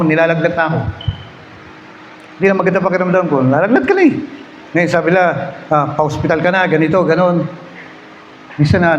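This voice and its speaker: A male pastor with a Filipino accent, preaching a sermon in storytelling style, swinging between hushed prayer and loud exhortation. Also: high-pitched, slight background noise. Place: church hall. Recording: echoey hall, slightly dull sound.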